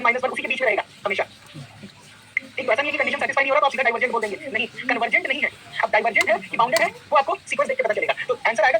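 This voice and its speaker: Brisk, bright-voiced male math teacher. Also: extremely high pitch, a little hiss or hum, rough recording. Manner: lively, quizzing students with repeated questions. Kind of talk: classroom lecture, mixing Hindi and English.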